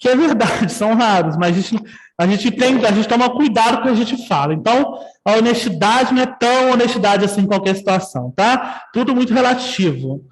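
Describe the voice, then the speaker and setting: Speaking with a Brazilian Portuguese accent, a man teaches an online nursing ethics class in a conversational style, checking in with his students often. His voice is high, expressive and a bit quick, captured in a low-quality recording of a large hall.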